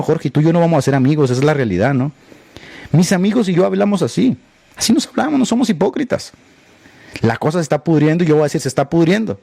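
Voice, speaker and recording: Hosting a livestream podcast, this man speaks in a fairly high, mellow voice with no echo. His monologue is blunt and sarcastic, aimed at a single critic he keeps calling out by name.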